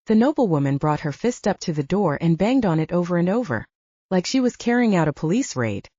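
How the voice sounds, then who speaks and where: A woman narrating an audiobook in an expressive storytelling way. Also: on the low side, a little fast, no echo. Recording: dull lo-fi.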